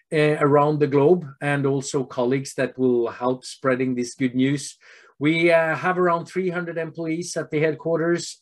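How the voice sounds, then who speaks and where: A man in his fifties with a Norwegian accent, giving an earnest health presentation to doctors over a video call and pausing often on fillers. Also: mid-range voice. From Norway. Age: 50s. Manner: earnest, steady, with frequent filler pauses.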